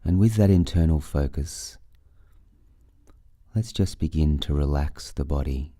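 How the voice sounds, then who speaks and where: A man leading a guided breathing meditation, giving soothing, unhurried instructions with long pauses between phrases. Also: extremely low pitch, mellow, no echo, studio quality.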